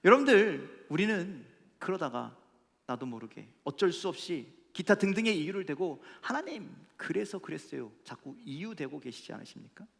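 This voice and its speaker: A man's voice: a little high, animated, moderate pace, vocal fry. A male pastor preaching a sermon with emphatic rhetorical questions to his congregation. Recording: echoey church hall.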